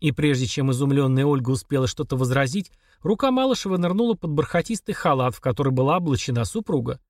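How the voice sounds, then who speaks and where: Clean and dry, this studio recording captures a male audiobook reader with a mid-range voice. He delivers scripted narration in an even, measured storytelling style.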